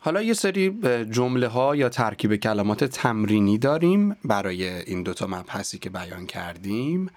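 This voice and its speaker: A man teaching pronunciation in a podcast lesson, sometimes demonstrating words very slowly and deliberately. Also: medium pitch, no echo. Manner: slow, deliberate, over-articulated demonstrations. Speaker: diction coach.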